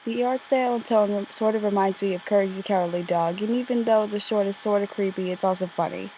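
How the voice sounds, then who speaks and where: A woman speaks from under a blanket in a bedroom, with faint noise on the amateur recording. Her delivery is deadpan and a little bored, with a medium pitch. She narrates casually like a homemade video, poking fun at herself and tripping over words now and then. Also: quick pace, poor audio. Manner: deadpan, slightly bored-sounding; self-deprecating, stumbles over words. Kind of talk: casual scripted commentary, childhood reminiscence.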